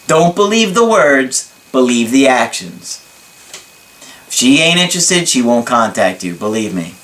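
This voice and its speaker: A male dating coach talks at a slow, deliberate pace, leaning on his words. His voice sits in a middle register. He reads viewer emails aloud and breaks in with dry, sarcastic remarks. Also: mid-range voice, very animated, fairly bright tone, low-quality recording. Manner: slow, emphatic delivery with laughs and sarcastic asides. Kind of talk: talking-head advice video.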